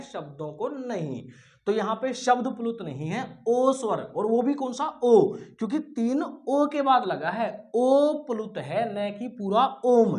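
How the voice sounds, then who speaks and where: A man teaching a lesson who explains step by step, asks questions and answers them himself, and stretches sounds slowly to show how they are said. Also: high-pitched. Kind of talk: classroom lesson.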